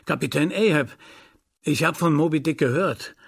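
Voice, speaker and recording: A man's voice: a little high, moderate pace, gravelly, breathy edge. A man voicing a wary male first mate questioning his captain in an audiobook. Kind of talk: audiobook reading.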